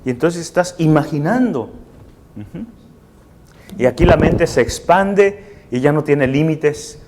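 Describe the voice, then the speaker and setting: A man's voice: a little high, lively intonation, measured pace, noisy background. A man giving a live lecture to a seated class, explaining step by step and checking for agreement with short questions. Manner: explanatory, seeks assent with tag questions. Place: room with a seated audience.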